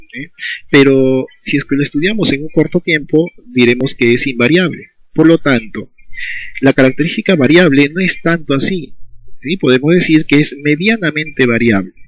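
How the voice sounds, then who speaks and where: A man's voice: mid-range voice, fairly bright tone, no echo, rough recording. Male teacher explaining patiently. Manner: patient explaining, often checks in with "¿sí?". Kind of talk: recorded school lesson.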